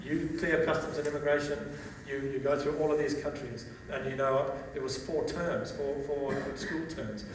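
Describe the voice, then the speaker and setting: An older man in his 60s from Zambia, whose first language is Bemba, tells stories in a fairly high, steady voice at a normal speed. He gives testimony at a seminar like a conversational storyteller, often restarting and checking in with "okay?" He is recorded from far off in a large, echoey seminar hall with background noise.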